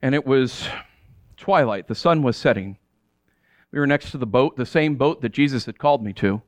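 A male pastor delivering a dramatic first-person sermon, telling the story in character and swinging between hushed and exasperated. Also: mid-range voice, animated, moderate pace, no room sound, clean studio sound. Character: the apostle Peter telling his own story.

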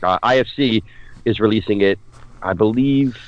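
A man in his forties, a guest film critic chatting on a podcast in an animated, opinionated way. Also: fairly low pitch, normal speed, no room sound, dull audio. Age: 40s. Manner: opinionated, animated, acts out quotes in silly voices. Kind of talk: casual podcast chat.

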